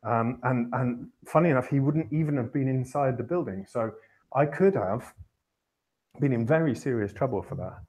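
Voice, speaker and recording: A man's voice: mid-range voice, normal speed, darkish tone. A man hosting a podcast, telling a long personal anecdote in a rambling, self-correcting way with wry chuckles. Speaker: podcast host. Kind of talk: casual anecdote storytelling.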